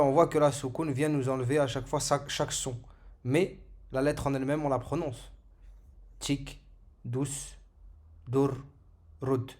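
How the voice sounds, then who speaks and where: A man giving a patient, step-by-step lesson on Arabic letters, repeating each sound for learners. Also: medium pitch. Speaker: Arabic teacher. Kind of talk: slow step-by-step alphabet lesson.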